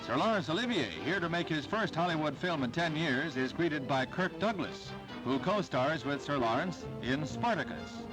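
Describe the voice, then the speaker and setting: A man's voice: on the high side, expressive, normal speed, poor audio. A man reading scripted old newsreel narration in a showy, declamatory announcer manner over music. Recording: vintage newsreel soundtrack under loud music.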